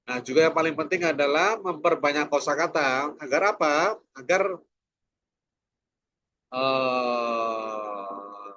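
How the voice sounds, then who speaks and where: A man's voice: a little high, lively intonation, slow pace, long pauses, bright, forceful tone, lo-fi sound. A man teaching a preacher training class online, asking rhetorical questions and tagging his sentences with "ya". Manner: rhetorical questions, frequent "ya" tags.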